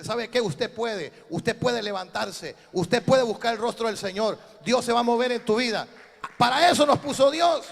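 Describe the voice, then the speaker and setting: A man's voice: high voice, vocal fry, a bit bright, in a large hall. A male pastor preaching a sermon, asking rhetorical questions and calling on the congregation to repeat after him.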